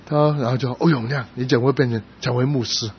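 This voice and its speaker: A middle-aged male pastor preaching a sermon, telling stories with sudden loud emphatic rises. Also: medium pitch, steady tone, quick pace, gravelly. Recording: slightly dull sound with faint noise.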